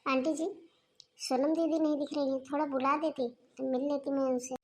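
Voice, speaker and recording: A woman's voice: high-pitched, level tone, moderate pace, a little mellow, lightly acted. A woman voicing an indignant young woman who mutters asides about her sister-in-law's harsh mother-in-law in a cartoon. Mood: worried. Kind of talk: cartoon dubbing.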